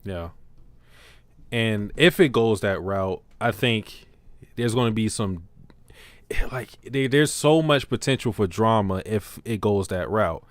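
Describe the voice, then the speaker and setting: A man hosting a casual livestream podcast, talking in an animated, slangy way and laughing often. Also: lowish voice, takes it slowly, no room sound. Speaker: podcast host.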